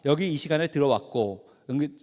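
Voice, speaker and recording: A man voicing an older, gray-haired senior male emergency doctor who explains things in a measured, firm way. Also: fairly high pitch, animated, a little mellow, big-room sound, voice pushed down, close to an everyday voice. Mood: calm, firm.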